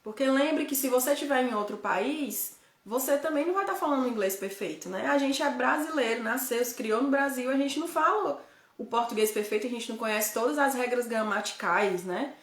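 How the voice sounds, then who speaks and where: Speaking with a Ceará accent from Northeastern Brazil, a host and guide living abroad chats live with her viewers in a fairly high, expressive voice. She keeps adding quick tag questions and restarts sentences mid-thought, correcting herself. Her voice echoes in a roomy space.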